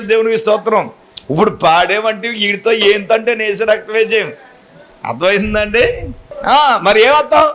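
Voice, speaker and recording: High bright-voiced pastor guy preaching, acting out the story, making the crowd shout answers back. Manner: call-and-response, urging the congregation to answer loudly; animated storytelling with acted-out dialogue. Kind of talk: sermon.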